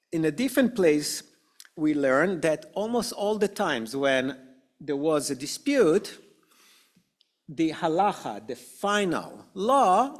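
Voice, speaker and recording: A man teaching an adult education class in a slow, conversational way, often checking with "okay?" and asking the group questions. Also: on the high side. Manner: frequent "okay?" and "right?" checks, many "uh" fillers. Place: synagogue classroom.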